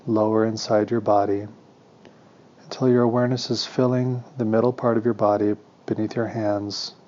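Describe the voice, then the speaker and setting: A man whose voice sits on the low side leads a guided meditation as the teacher. He speaks calmly and deliberately, giving soothing instructions with pauses, on a recording that is slightly muffled.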